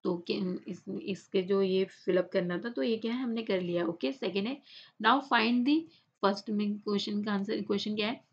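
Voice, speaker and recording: Female tutor, mid-pitched, reads English lines slowly then explains in Hindi, slightly dull lo-fi sound. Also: breathy edge. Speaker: teacher.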